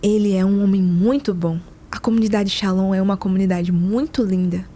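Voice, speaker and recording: A woman telling a story puts on the slow, hushed whisper of a very old, gentle nun. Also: mid-range voice, steady tone, natural voice. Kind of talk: quoted voice in a spoken story.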